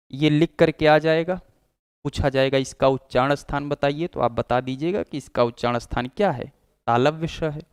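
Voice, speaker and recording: A male teacher giving a lecture. His voice is smooth and resonant, close to the mic. The recording is dry, with no room echo. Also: mid-range voice. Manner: explanatory, demonstrates sounds aloud. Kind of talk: classroom lecture.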